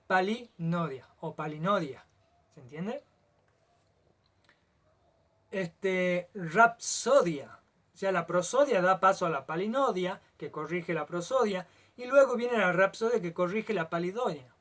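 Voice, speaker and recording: A man with a high-pitched, slightly bright voice teaches a lecture. He often pauses to check that his listener is following, and he draws some words out slowly.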